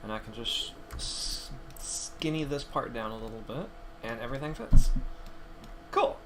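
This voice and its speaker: A man's voice: mid-range voice, unhurried, noisy background. A man streaming his 3D design work, chatting casually and muttering to himself as he models. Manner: thinks aloud, muttering at his own work. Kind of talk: casual chat while modeling.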